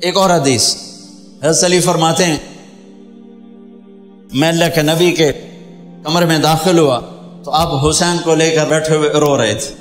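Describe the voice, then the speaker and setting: A man's voice: a little high, steady tone, long pauses. A man preaching an impassioned sermon, telling a story with rising and falling emotion. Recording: echoey hall with background music.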